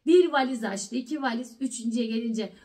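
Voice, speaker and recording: A middle-aged woman with a high voice tells a story to her vlog audience. She talks casually and with animation, and she repeats words to press a point home. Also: brisk, a little mellow. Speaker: family vlogger.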